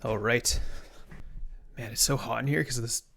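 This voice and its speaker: A man's voice: mid-range voice, fairly even intonation, moderate pace, gravelly, a bit bright, soft background music. A young man from Canada, live-streaming a reverse-engineering session, thinking aloud casually and answering chat. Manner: casual, muttering to himself, reading chat questions.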